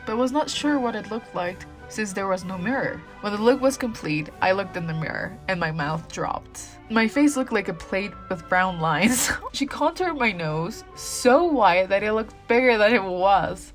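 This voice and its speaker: A young woman vlogger chatting casually and reading stories aloud, giggling often and dropping in asides full of "like". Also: mid-range voice. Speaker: beauty vlogger.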